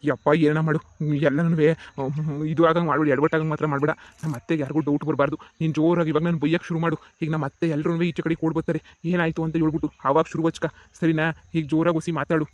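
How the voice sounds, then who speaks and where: A man's voice: a little high, little pitch movement, fast, no echo, lightly acted. A man voicing an anxious young husband in a cartoon comedy, with an urgent, pleading delivery. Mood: scheming.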